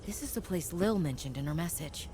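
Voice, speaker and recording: A woman's voice: sits low, lively intonation, fairly quick, crowd noise. An actress playing an observant woman explorer, making short scripted remarks on discoveries in a video game. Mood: pensive. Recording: noisy game ambience.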